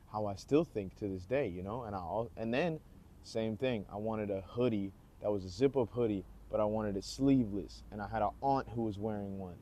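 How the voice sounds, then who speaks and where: A man, rambling casually outdoors as he introduces himself in a vlog. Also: fairly low pitch. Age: 20s. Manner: relaxed, rambling, lots of fillers. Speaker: vlogger. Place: outdoors, rain nearby.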